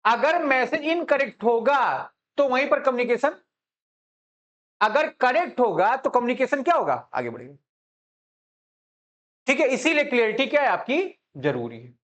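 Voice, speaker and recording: A man's voice: extremely high pitch, very animated, moderate pace, pauses often, fairly bright tone, highs cut off. A man teaching a commerce class in a chatty, joking way, often checking that students follow. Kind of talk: classroom lecture.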